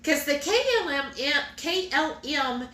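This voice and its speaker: Chatty woman, bright voice. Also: high-pitched, unhurried, distant mic. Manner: chatty, reads viewer comments aloud. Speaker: live stream co-host. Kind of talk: casual live-stream chat. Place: home kitchen. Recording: echoey room.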